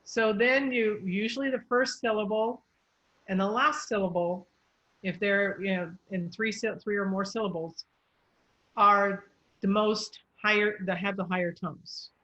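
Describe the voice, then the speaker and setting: Woman voice coach, patient, slow spelled-out explanations, mid pitch. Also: fairly even intonation, bright, forceful tone, highs cut off. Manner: patient, spells out letters slowly. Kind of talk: pronunciation coaching.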